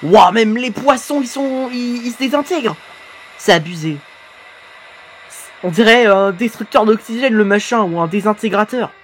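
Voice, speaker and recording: A young man reacting to a monster animation as a YouTuber, excitable and bursting into shouts and slang. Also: sits high, normal speed, a little hiss or hum.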